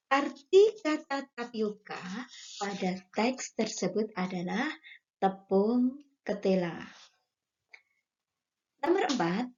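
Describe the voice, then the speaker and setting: A woman's voice: on the high side, a little mellow, dull audio. A woman teacher, reading exercise questions aloud and then giving the answers. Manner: slow, careful, reads questions then gives answers. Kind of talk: slow classroom lesson, reading exercises aloud.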